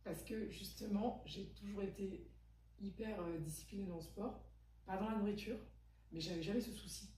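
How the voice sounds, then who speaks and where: A woman's voice: mid-range voice, steady tone, moderate pace, mellow. A woman in her twenties hosting a podcast, talking in a chatty, emphatic way and asking probing questions. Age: 20s. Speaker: podcast host. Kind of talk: casual conversation. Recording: echoey room, distant mic, faint hum.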